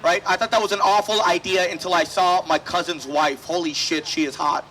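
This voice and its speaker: A man's voice: high-pitched, fairly even intonation, brisk, pushed and bright, a little hiss or hum, rough recording. A man doing profane stand-up crowd work on an outdoor festival stage. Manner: profane, conversational crowd banter. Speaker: stand-up comedian.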